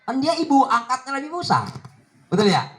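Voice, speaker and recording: A man preaching a humorous sermon, teasing his listeners and checking in with quick rhetorical questions. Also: very high voice, big pitch swings, a bit bright.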